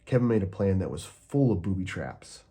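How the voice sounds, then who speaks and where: A man reading a children's picture book aloud with calm, steady storytelling. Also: deep voice, normal speed, noisy background. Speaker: storybook reader.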